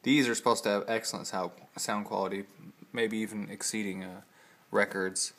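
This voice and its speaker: Rambling and hesitant, a hobbyist talks informally through his vintage audio equipment in an impromptu living-room show-and-tell. His fairly low voice is fairly bright and evenly intoned at a moderate pace, with a little hiss or hum audible.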